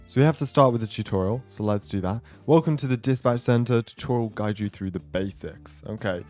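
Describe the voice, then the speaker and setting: A male video host gives casual gameplay commentary, thinking aloud and talking himself through each decision. His voice is mid-range with a dark tone, and music plays behind him.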